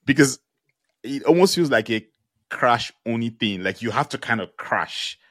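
A man's voice: medium pitch, expressive, moderate pace, fairly bright tone, no room sound, studio quality. A man hosting a conversational interview, thinking aloud reflectively with frequent restarts. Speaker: podcast host.

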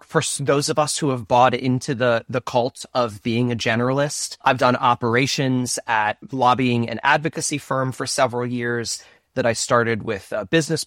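A man in his thirties, a podcast guest who talks in an animated, self-deprecating, rambling way. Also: mid-range voice, no echo, studio quality. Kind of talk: casual interview chat.

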